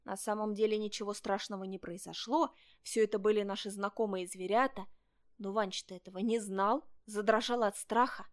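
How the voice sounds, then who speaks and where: A woman reading a children's story aloud, narrating in a lively, expressive way. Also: mid-range voice, moderate pace.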